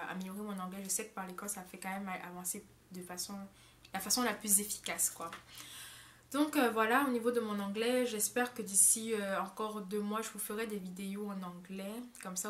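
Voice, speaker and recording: A woman's voice: mid-range voice, slight background noise. Rambling young French-speaking woman vlogging. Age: young adult. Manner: rambling, many hesitations and self-corrections. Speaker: au pair vlogger. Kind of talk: casual vlog monologue.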